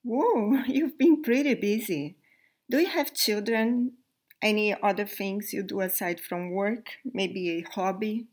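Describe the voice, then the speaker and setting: A woman's voice: mid-range voice, unhurried. A woman hosting a podcast interview, asking friendly, encouraging questions. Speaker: podcast host.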